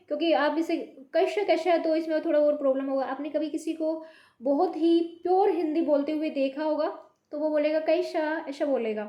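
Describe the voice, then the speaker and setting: A woman teaching a Hindi class, patiently repeating each word slowly to show how it should sound. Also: sits high, warm tone, echoey room. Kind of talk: online language lesson.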